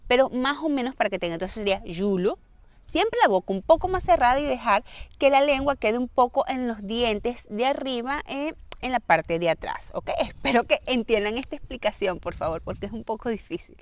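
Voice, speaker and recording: A woman's voice: on the high side, lively intonation, brisk. A woman whose first language is Spanish, giving a casual video lesson and patiently explaining pronunciation, checking understanding with frequent "ok?". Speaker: language teacher.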